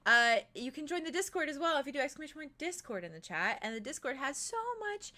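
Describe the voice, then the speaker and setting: A playful, giggly and excitable woman chatting casually as a livestream host and game master, with slangy, sweary speech. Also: high voice, fast.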